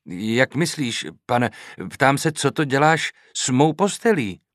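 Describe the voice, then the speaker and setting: A man voicing an indignant, proud castle steward in an audiobook, halting speech. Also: medium pitch, expressive, no echo, clean studio sound, voice pushed up, lightly acted.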